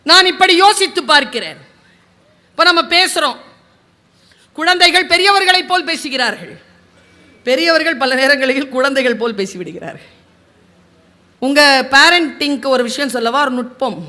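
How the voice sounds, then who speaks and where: Bright, high-voiced woman motivational speaker. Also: normal speed, long pauses. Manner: animated, addresses audience directly. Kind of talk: motivational storytelling talk.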